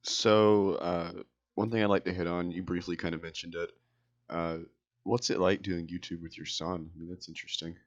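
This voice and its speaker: Male show host, low voice, relaxed questioning, lo-fi dull recording. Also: moderate pace. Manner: easygoing, asks questions. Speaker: podcast host. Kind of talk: casual interview. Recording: dull lo-fi sound.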